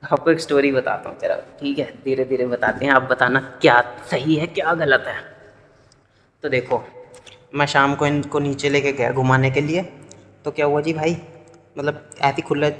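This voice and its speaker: A young man, telling a story in a casual vlog and checking in with his viewers again and again. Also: medium pitch. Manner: chatty, animated retelling, often asks "ठीक है?". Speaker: vlogger. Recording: roomy with long reverb.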